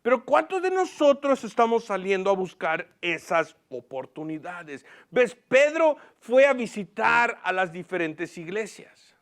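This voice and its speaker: Male pastor, high voice, lively sermon with questions to the congregation, slips in English words. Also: a little slow. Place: church platform.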